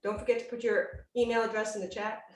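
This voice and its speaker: Talking fast in a slightly high voice with little pitch movement, this woman hosts a livestreamed cooking demonstration from home. She keeps up a chatty, exclamatory patter over the video call, which sounds roomy and distant-miked.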